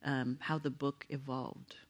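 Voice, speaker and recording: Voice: mid-range voice, level tone, a little slow. An interviewer in a conversational book talk, building long, winding questions about the author's work. The delivery is searching, with fillers and self-corrections as the question takes shape.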